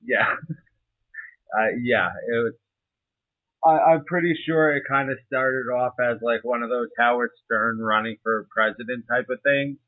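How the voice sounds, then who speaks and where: A man's voice: mid-range voice, unhurried, no room sound. A young adult man talking casually and informally in an interview, hesitant and a little profane. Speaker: interview participant, serving soldier. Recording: muffled narrow phone-like line.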